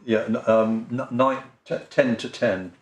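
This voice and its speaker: An English barrister makes a legal submission to appeal judges in a large courtroom, hesitating often with ums, restarts and apologies. His voice is mid-range and a little slow. The courtroom audio is roomy, with the highs cut off.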